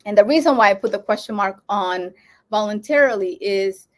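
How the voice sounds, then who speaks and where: A Honduran woman who works as a social worker gives an educational talk to her fellow social workers at a moderate pace and medium pitch. She is earnest and thinks aloud, with frequent fillers and restarts.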